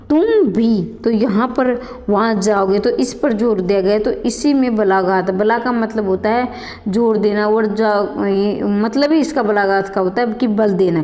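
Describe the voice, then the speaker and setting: A woman with a medium-pitched, dark voice coaches students through exam questions, addressing them as children. She reads each question and its answer aloud, and her speech trails off in a long reverb tail.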